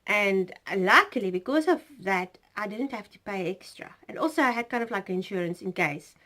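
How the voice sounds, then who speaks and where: A woman's voice: medium pitch, expressive, moderate pace, pushed and bright. A woman from South Africa with a South African accent, hosting a knitting podcast in a rambling, chatty way full of fillers and asides. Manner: rambling, chatty, self-interrupting with fillers and laughs. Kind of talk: casual chat.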